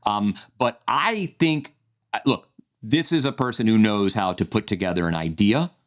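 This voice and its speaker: Man, lowish voice, casual podcast co-host, rambling, restarts often. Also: moderate pace. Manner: rambling, many restarts and fillers. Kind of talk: casual chat, fantasy draft analysis.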